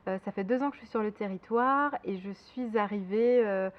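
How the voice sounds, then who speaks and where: A woman's voice: medium pitch, normal speed, muffled recording. A woman in her twenties from Belgium, director of a sexual health association, answering interview questions with many fillers and restarts. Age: 20s.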